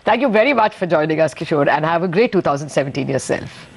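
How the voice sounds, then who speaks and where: Lower-voiced woman news anchor. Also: lively intonation, quick pace, gravelly, slight background noise. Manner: direct, wraps up segments. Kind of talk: live news interviewing. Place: TV news studio.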